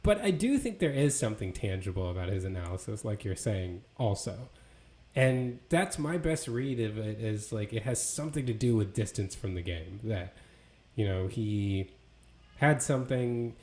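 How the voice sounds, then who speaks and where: A man's voice: fairly low pitch, lively intonation, moderate pace, a little mellow. A man co-hosting a casual sports podcast, talking in a loose, conversational way full of fillers and restarts. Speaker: podcast co-host.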